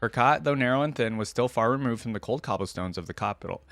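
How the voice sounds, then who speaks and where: With a mid-range voice and a quick pace, a man hosts a reaction video free of room sound. His delivery is informal and wandering, shifting between reading text aloud and musing out loud.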